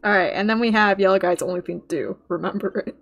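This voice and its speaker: A young woman hosting a casual reaction chat, swearing freely, laughing often and talking in quick bursts. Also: mid-range voice, creaky, lo-fi sound. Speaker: reaction video host. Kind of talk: casual commentary chat while watching a show.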